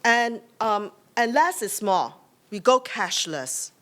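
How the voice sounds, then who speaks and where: A woman's voice: fairly high pitch, lively intonation, slow, a bit bright. Singaporean woman at a podium, "right?" tags. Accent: Singaporean English. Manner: loose, rambling delivery with frequent "right?" tags and fillers. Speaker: conference host. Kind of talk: welcome remarks at a symposium. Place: conference hall, speaking at a podium. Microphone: podium microphone.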